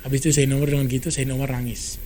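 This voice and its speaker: A man telling a story in a casual podcast chat, brisk and animated, acting out quoted dialogue. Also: medium pitch, slight background noise. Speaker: storyteller guest.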